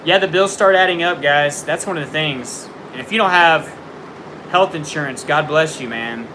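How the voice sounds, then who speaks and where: A young man hosting a casual livestream from his home answers viewer questions, offering frank tough-love advice with lots of fillers. His voice is fairly high and moderately paced, with background noise. He's indoors near a window during a storm, jumpy and startled by thunder.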